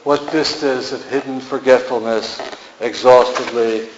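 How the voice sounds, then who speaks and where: A man's voice: mid-range voice, steady tone, normal speed, a little hiss or hum. A man giving a poetry reading in an art gallery, with a musing, incantatory delivery and repeated refrains. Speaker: poet. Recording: echoey room, dull lo-fi sound.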